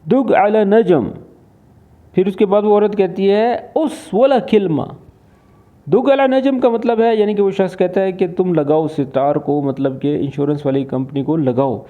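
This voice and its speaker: A man from Pakistan teaching, patiently explaining and translating spoken phrases. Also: sits high. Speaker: Arabic teacher. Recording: phone-like lo-fi voice.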